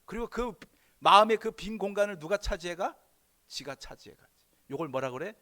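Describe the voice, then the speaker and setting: Animated male pastor preaching. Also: high voice, brisk. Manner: animated, swings between loud emphatic bursts and quiet asides. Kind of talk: sermon.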